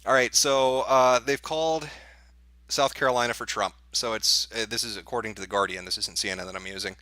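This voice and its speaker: A man's voice: on the low side, flat delivery, fast, sharp tone, no room sound. A man hosting a livestream as an off-the-cuff election night analyst, thinking aloud as he reads out results in casual live commentary. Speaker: livestream host.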